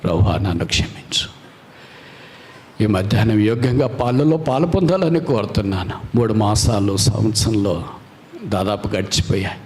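A man's voice: on the low side, normal speed, a little mellow. A man preaching a fervent sermon, building repeated phrases to rising climaxes.

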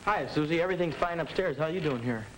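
A young American actor playing a reassuring, earnest teenage big brother in a 1950s educational film. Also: male voice, fairly high pitch, quick pace, lightly acted. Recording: old film soundtrack, faint noise.

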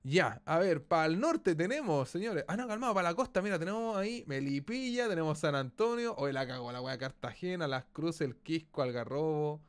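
A man with a Chilean accent giving live gameplay commentary as a streamer, excitable, exclaiming and swearing casually. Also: on the high side, moderate pace, few pauses, clean tone.

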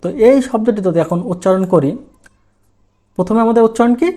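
A man with a high voice teaches a language lesson. He explains each step slowly and in order. He often asks a question and then answers it himself. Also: warm tone.

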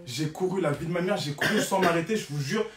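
A man's voice: fairly high pitch, fast, a bit bright. Dramatic young man telling a story, roomy and distant. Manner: dramatic, repeats phrases for emphasis. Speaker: live streamer telling a story. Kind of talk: animated storytelling.

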